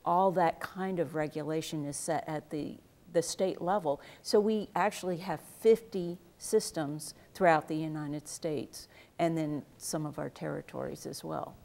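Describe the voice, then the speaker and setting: Middle-aged woman professor, very low and mellow, measured explainer, studio lapel mic. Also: fairly even intonation, gravelly. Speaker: professor of educational leadership. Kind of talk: panel discussion. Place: TV studio set.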